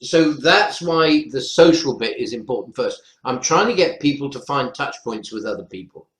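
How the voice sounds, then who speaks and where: Speaking on an online webinar panel from an indoor room, a North Welsh lecturer explains his teaching practice. His medium-pitched voice is animated and a bit bright, moving at a normal speed. The webinar audio carries a roomy echo.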